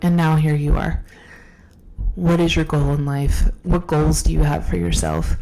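A woman hosts her podcast at home in a downstairs room despite being sick and losing her voice, talking in a rambling, self-deprecating, unscripted way. Her low, dark voice swings widely in pitch and moves a little slowly. The phone recording is low quality.

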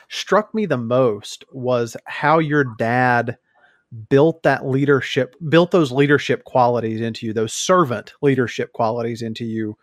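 A man's voice: mid-range voice, no echo, clean studio sound. A man hosting an interview show, speaking with rambling enthusiasm. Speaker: host. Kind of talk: casual interview talk.

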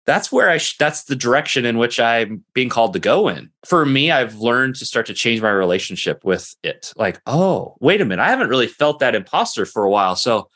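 A man hosting a conversational interview, talking in a reflective, energetic way and often rephrasing himself. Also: medium pitch, fairly quick, few pauses. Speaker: podcast host.

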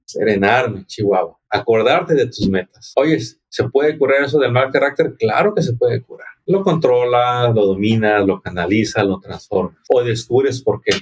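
A man's voice: mid-range voice, moderate pace, few pauses, husky. A middle-aged man, giving a motivational talk to business owners and asking and answering his own questions. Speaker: business coach, podcast host. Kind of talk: motivational monologue.

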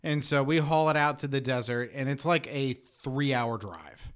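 A man's voice: medium pitch, normal speed, smooth. A young man telling a story as a podcast guest, laughing as he goes. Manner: laughs while telling stories, restarts and fillers. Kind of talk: casual conversation, storytelling.

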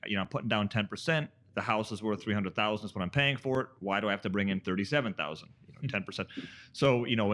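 A man's voice: fairly low pitch, fairly bright tone. A man, a mortgage expert, explaining at length in a casual podcast chat, with frequent "you know" and "right".

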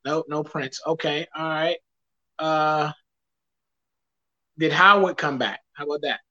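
Energetic host guy, sharp bright voice, pretty high, lo-fi stream sound. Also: measured pace. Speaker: show host. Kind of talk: casual live show chat.

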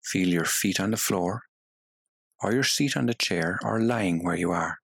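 Slow, gravelly man guiding a meditation. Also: low voice, fairly bright tone, no room sound. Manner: slow, soothing and hypnotic, with long pauses. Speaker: meditation guide. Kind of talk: guided meditation.

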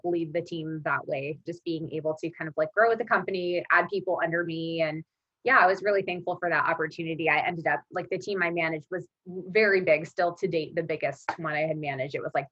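A woman's voice: on the low side, fairly quick, fairly bright tone, slightly rough, dry recording. A woman speaking as a podcast guest in an informal, conversational way, in a casual interview chat with muffled audio. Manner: informal, conversational, frequent 'like' as filler. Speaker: podcast guest, marketing leader.

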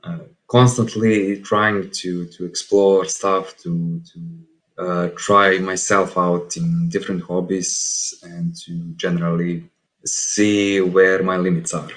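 A man in his late twenties with a low-pitched voice and a Serbian accent. He talks in a casual, reflective interview style, stopping and restarting phrases as he searches for wording. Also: level tone, fairly bright tone, rough recording. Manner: halting, repeats and rephrases words. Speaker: podcast guest.

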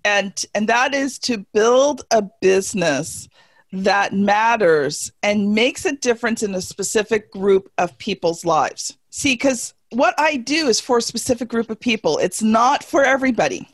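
A woman in her forties with a fairly high voice, talking on a video call in a casual panel chat. She speaks with folksy, emphatic conviction and pokes fun at herself. The sound is dry and close. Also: lively intonation, a little slow, no room sound. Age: 40s. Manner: emphatic, folksy and self-deprecating.

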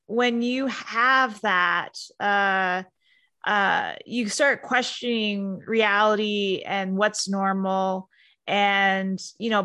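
A woman guest, a holistic coach and author, speaking in a halting, reflective way with many fillers. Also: a little high, bright, forceful tone, no room sound. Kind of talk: casual interview chat.

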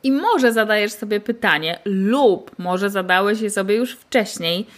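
Calm woman reading a fairy tale. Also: medium pitch. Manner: calm, measured, gently instructive. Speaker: storyteller and spiritual teacher. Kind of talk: fairy-tale reading, then reflective commentary.

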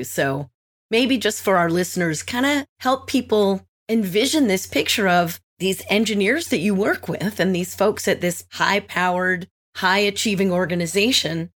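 A woman's voice: mid-range voice, normal speed. A woman hosting a leadership podcast who asks her guest thoughtful, probing questions. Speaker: podcast host. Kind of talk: interview questions.

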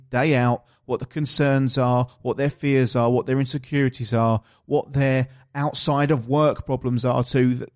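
A man's voice: mid-range voice, a little mellow. A man with an Essex accent hosting a podcast conversationally, speaking straight to listeners in an emphatic, encouraging way. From England. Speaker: podcast host and coach. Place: office studio.

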